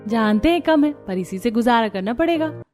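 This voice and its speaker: A woman plays a hopeful young bahu who holds her family together in a cartoon. The voice is fairly high, with music behind it. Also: lively intonation, moderate pace, a little mellow, natural voice. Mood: reassuring. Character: determined, hopeful young daughter-in-law holding the family together. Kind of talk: cartoon story acting. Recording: music under the voice.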